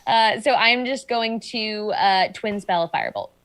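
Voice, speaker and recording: A woman's voice: mid-range voice, measured pace, fairly bright tone, rough recording. Female gamer, mid-range voice, casual and wry, deliberating aloud over game turns. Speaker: tabletop game player. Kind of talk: casual chat.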